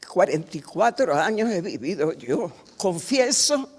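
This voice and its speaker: An older woman from Cuba, a guest author giving a wry, unhurried talk in a university auditorium. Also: fairly low pitch, big pitch swings, slightly rough. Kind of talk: public talk at a workshop.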